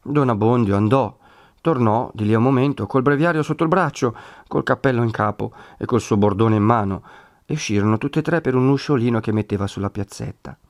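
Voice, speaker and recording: A man narrating a classic novel in a steady, measured reading. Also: medium pitch, dry recording, studio quality.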